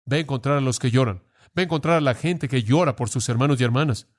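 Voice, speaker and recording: A man's voice: mid-range voice, quick pace. A man preaching a sermon, earnest and pressing, asking the listeners direct questions.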